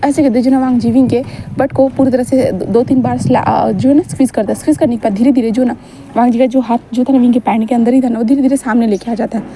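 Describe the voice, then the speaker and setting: A woman's voice: a little high, steady tone, quick pace, warm tone, slight background noise. A woman narrating a fan story in a casual, rambling way, with many fillers and English words mixed in.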